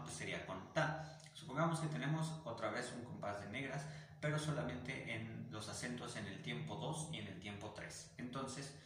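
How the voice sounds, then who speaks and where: A man's voice: on the low side, a bit bright. A man with a Mexican Spanish accent teaching an online music theory class, explaining patiently and singing syllables to demonstrate articulations. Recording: very echoey room, faint noise.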